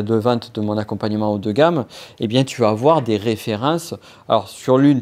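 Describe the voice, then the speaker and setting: A man's voice: fairly low pitch, darkish tone. Guy doing a solo business podcast, lots of restarts and ums, chatty with the listener. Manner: hesitant, many restarts and fillers; addresses listener informally. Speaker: podcast host.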